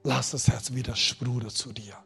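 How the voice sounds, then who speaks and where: Husky-voiced man preaching a sermon. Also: medium pitch, fairly even intonation, normal speed, soft background music. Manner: emotional, swings between loud and quiet; makes grammar slips and restarts.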